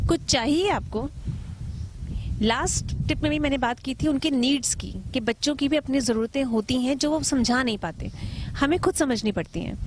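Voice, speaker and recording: A woman in her thirties giving parenting advice in a calm, patient lesson, asking the listener questions and mixing in English words. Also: sits high, background noise. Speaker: kindergarten teacher giving parenting tips. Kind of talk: talk-to-camera parenting lesson.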